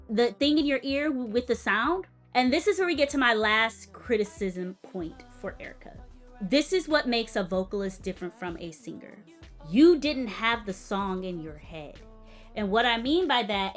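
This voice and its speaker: This light-voiced young music educator sits a little high in pitch and talks at a moderate pace while critiquing a performance. She is animated and emphatic, interjecting often and offering the viewer direct, teacherly advice in a casual way.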